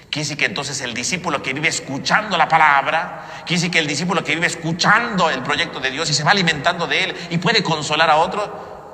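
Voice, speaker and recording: Male priest preaching and praying; forceful, bright delivery, cathedral echo. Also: medium pitch, slight background noise. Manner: rhetorical questions and frequent confirming tags. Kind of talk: homily and liturgical prayer. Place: large church, amplified. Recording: echoey church hall with long reverb.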